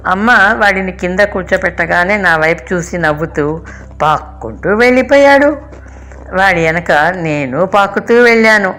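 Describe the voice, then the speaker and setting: An older woman reading her childhood memories aloud in a calm, measured way. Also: fairly low pitch. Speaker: storyteller. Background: faint music.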